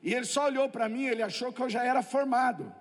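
A man with a Brazilian accent preaching a testimony sermon, telling stories with lively comic asides. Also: very high-pitched, quick pace, long reverb tail.

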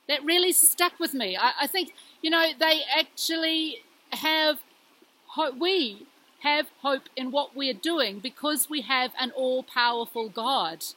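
A woman talking earnestly and reflectively to a laptop outdoors beside a rushing river. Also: sits high, sharp tone, low-quality recording. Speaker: student presenter of a video reflection. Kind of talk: informal talk to camera with quotes and prayer. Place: outdoors in snowy woods beside a rushing mountain stream. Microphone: laptop microphone. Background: rushing river water and birds.

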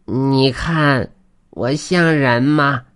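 A man voicing a male weasel spirit who slowly, coaxingly begs to be told he looks human. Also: mid-range voice, fairly bright tone, clean tone, voice pushed up. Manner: slow, coaxing, drawn-out asking.

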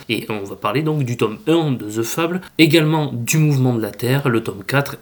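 A man hosting a podcast, reviewing books in a casual, hesitant way with frequent filler sounds. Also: mid-range voice. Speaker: manga podcast host.

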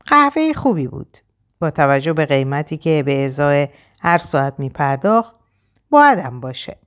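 Low-voiced expressive woman narrator. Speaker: audiobook narrator. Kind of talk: scripted audiobook narration.

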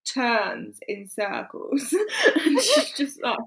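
A woman with a high, bright voice chats casually about a film. She is animated, laughs often and acts out the characters' lines as she retells the plot. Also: very slow.

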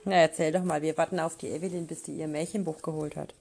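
A mother with a lower voice chats casually on a home podcast. She keeps nudging a child along with encouraging prompts and questions. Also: fairly even intonation, quick pace, vocal fry, darkish tone. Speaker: mother co-hosting a family podcast. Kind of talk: casual family chat.

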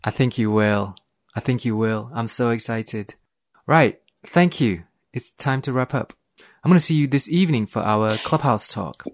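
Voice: mid-range voice, expressive, moderate pace. A podcast host giving short supportive affirmations and wrapping up the interview. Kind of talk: casual interview talk.

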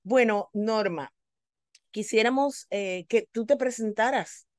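A man hosting a podcast interview, asking questions gently with fillers. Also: sits high, slow pace, dry recording, clean studio sound. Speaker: podcast host.

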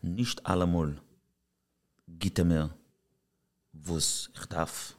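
A man's voice: sits low, fairly even intonation, slow. A man from Israel, a singer, talking as a podcast guest in an easygoing, storytelling way. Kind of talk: casual interview chat.

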